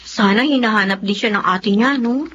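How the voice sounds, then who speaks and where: Woman voicing a young sister, teasing, high pitched, bright tone, audio drama. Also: moderate pace, dull audio, a little hiss or hum, lightly acted. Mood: casual. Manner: teasing, emotional. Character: playful young daughter and sister.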